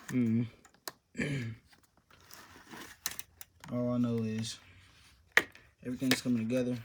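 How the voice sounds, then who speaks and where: A man's voice: mid-range voice, darkish tone, slight background noise. A young man in a casual show-and-tell vlog, rambling offhandedly about his papercraft build and trailing off mid-sentence. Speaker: papercraft hobby vlogger.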